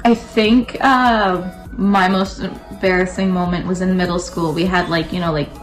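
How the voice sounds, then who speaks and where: A woman's voice: fairly low pitch, steady tone, moderate pace, faint music behind, poor audio. A young woman chatting informally over food, telling stories and acting out what people said. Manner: informal storytelling with acted-out quotes. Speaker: co-host of a mukbang Q and A. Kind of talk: casual chat while eating.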